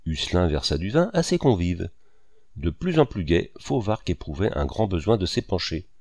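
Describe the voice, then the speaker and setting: Low-voiced man reading a novel aloud. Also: big pitch swings, normal speed, darkish tone, no room sound, clean studio sound. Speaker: audiobook narrator. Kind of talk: scripted literary narration.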